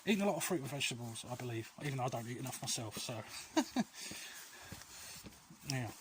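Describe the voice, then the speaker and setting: This vlogger speaks fairly quickly and expressively, at medium pitch, while walking along outdoor alleys. His advice to viewers is earnest and reassuring but rambling, and he keeps losing his thread, with clear outdoor noise in the background.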